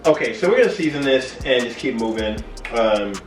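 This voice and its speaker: A man with a mid-pitched voice chats to the camera as a tipsy home cook. His talk is loose and rambling, often losing its thread. The room is echoey, and music plays clearly behind him. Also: animated, fast talker. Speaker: home cooking show host. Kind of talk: casual chat to camera while cooking. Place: home kitchen. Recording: roomy echo, distant mic, music behind.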